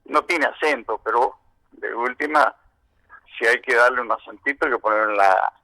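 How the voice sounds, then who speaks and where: A man's voice: mid-range voice, moderate pace, vocal fry, pushed and bright, no room sound, rough recording. A man in his seventies with an Argentine accent, a veteran musician recounting his early years in a long, winding interview answer full of "este" and "eh". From San Juan, Argentina. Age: 70s.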